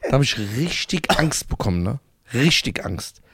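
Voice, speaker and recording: A man's voice: medium pitch, very animated, measured pace, a bit bright, breathy edge, no room sound, studio quality. A young man co-hosting a casual chat, teasing his friend and swearing that his own story is true.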